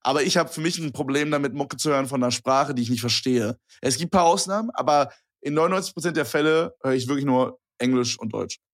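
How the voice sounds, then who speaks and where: A man with a mid-range voice trades relaxed, teasing banter on a podcast. He laughs easily and keeps a loose, unhurried tone as co-host. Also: medium pitch. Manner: laid-back, teasing, laughs often.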